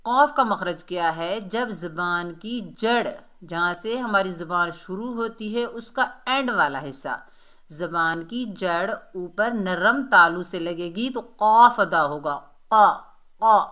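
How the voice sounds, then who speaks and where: A woman's voice: lowish voice, expressive, slow, pushed and bright. A woman teaching Quran recitation rules. She explains patiently and corrects common mistakes. She drags out model syllables and repeats them several times. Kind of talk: slow step-by-step recitation lesson.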